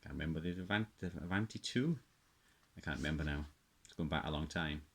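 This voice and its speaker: Here the middle-aged radio enthusiast from South Wales sounds husky and extremely deep, and he talks fast. He's showing his hobby in an unscripted, casual way, hesitating, wandering off topic and looking back on old memories.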